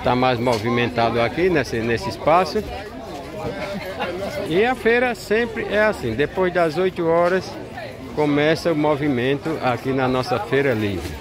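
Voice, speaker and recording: A chatty Northeastern Brazilian man with a voice on the high side vlogs his walk through a busy outdoor street market. He greets vendors warmly and keeps the commentary relaxed, recorded on a handheld camera mic over the crowd's chatter.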